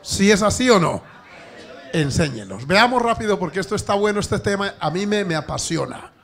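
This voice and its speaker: A male pastor preaching a sermon in a lively way, acting out family dialogues for his congregation. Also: high-pitched, moderate pace, a faint crowd.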